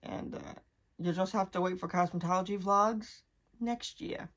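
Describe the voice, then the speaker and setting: A young woman talking candidly to her vlog audience, halting and restarting as she holds back tears. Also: medium pitch, a bit bright. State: on the verge of crying. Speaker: vlogger.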